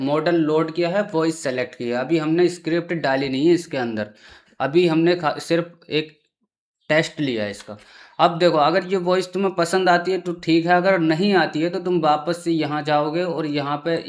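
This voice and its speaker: A man hosting a casual screen-recorded tutorial, chatty and often checking in with the viewer. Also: a little high. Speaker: tutorial host.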